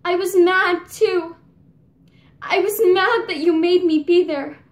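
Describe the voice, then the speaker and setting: A woman's voice: very high voice, fairly even intonation, slow. A young woman playing a grieving teenage girl. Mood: angry. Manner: raw and bitter, rising to anguished outbursts. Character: grieving seventeen-year-old girl confronting her mother. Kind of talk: dramatic monologue. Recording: echoey room.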